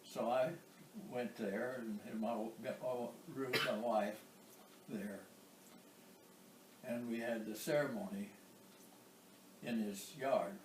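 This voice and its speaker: Recorded at a distance in a roomy space with some background noise, a war veteran in his nineties shares memories for an oral history interview. This American man has a steady, mid-range voice, and his speech comes haltingly, broken by pauses and throat clearing.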